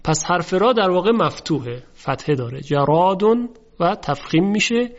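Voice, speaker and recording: A man gives a step-by-step lesson on reciting the Quran. He poses questions and answers them himself, slowing down whenever he recites a verse. His voice sits a little high, and the recording sounds dull and lo-fi. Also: animated. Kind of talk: tajweed lesson, explaining and reciting.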